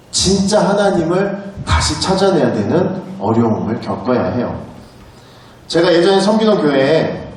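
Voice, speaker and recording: A man in his thirties preaching a sermon in a church, telling a story and acting out the lines of the people in it. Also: on the high side. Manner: storytelling, acts out dialogue. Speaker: pastor. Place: church sanctuary. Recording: very echoey hall, distant mic.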